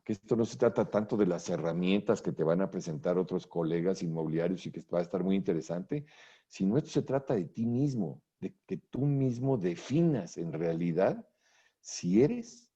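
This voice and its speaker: A man's voice: sits low, lively intonation, normal speed, dark tone, husky, lo-fi sound. A man from Mexico, giving an earnest motivational talk at a real estate conference and speaking straight to the listener. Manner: earnest motivational lecturing, addresses listener directly. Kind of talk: conference presentation.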